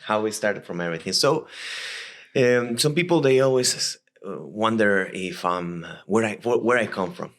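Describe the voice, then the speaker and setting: A man in his thirties from Costa Rica, speaking English with a Costa Rican Spanish accent as his second language, telling his life story as a podcast guest in a halting way with many restarts. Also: lowish voice, expressive, fairly bright tone. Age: 30s.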